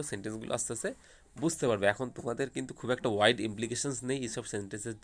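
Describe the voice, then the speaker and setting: Male English tutor for kids, mid-pitch, explains step by step, keeps checking understanding. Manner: repeats checks like "ঠিক আছে?", asks and answers his own questions. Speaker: English teacher. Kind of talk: explanatory lesson to children.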